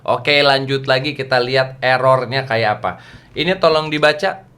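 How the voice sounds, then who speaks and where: A man teaching a youth religious class over a video call, playful and animated, quizzing his listeners as he talks. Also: medium pitch, moderate pace, slight background noise. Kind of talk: lively lecture to teens.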